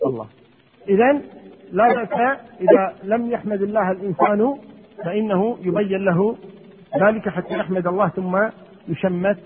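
Husky high-voiced man teaching in a hall. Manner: asks questions and answers them himself. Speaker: Islamic teacher. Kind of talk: religious lesson. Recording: muffled lo-fi with long hall echo.

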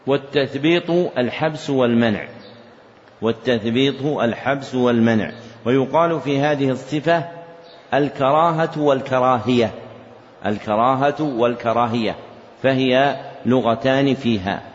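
A man's voice: mid-range voice, a little hiss or hum. Man dictating a lesson in a reverberant hall. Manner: repeats each phrase slowly for note-taking; recites verses in a chanted tone. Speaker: religious teacher. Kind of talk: dictated lesson explaining a text. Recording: dull lo-fi recording in a reverberant hall.

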